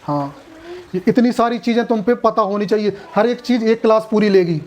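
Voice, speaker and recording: A man's voice: sits high, a little fast, a little mellow. A man teaching a classroom lecture at a coaching class, chatty, joking and often asking students questions.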